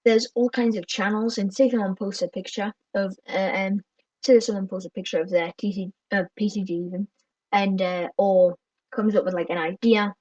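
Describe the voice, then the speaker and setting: A woman's voice: medium pitch, steady tone, normal speed, darkish tone, no room sound, distant mic, dull audio. A woman co-hosting a casual podcast, rambling and filling her talk with "like" and "kind of.". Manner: rambling, heavy use of "like" and "kind of". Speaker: podcast co-host.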